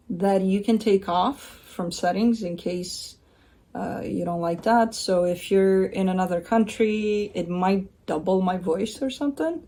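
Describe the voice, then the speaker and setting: At home beside a window with a bird feeder, a Romanian woman does a casual tarot reading. Her mellow, mid-range voice drifts along in a chatty, rambling way, broken up by blunt asides.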